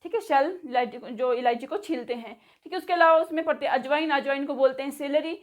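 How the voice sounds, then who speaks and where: A woman giving a casual vocabulary lesson, repeating each word slowly, spelling it out letter by letter and checking in after each item. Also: high voice. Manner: says "theek hai" after nearly every item. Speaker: spoken English teacher.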